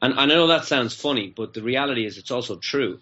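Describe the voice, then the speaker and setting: A man, a guest telling a story in a casual, animated way, acting out both sides of each exchange. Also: medium pitch, fairly quick. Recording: muffled lo-fi audio.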